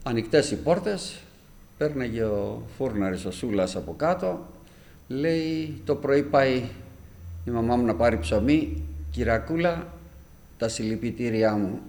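Older man, fervent church testimony, mid-range voice, emotional telling that rises to loud peaks. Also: medium pitch, lively intonation. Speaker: church member giving testimony. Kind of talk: personal testimony to a congregation.

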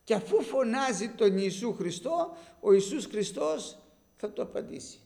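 A man's voice: sits high, sing-song, a little mellow. A man preaching a sermon, telling a story with animation and speaking directly to his listeners as brothers.

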